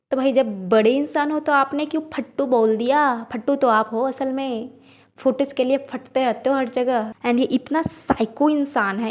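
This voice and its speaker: Female show reviewer, high voice, indignant ranting delivery. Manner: indignant, ranting, mixes English words. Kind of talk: casual video commentary.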